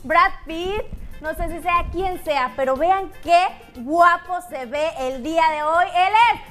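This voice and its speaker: A woman's voice: extremely high pitch, slow, a bit bright. A young woman hosting a TV music show, teasing and playful in studio banter. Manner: playful, teasing, laughs often. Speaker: TV show host. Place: TV studio set. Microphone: lapel mic.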